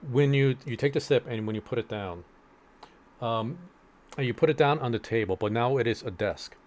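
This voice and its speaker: A man's voice: medium pitch, moderate pace, a little mellow. A man narrating a tabletop game as game master, with lots of fillers and restarts. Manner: hesitant, many fillers and restarts.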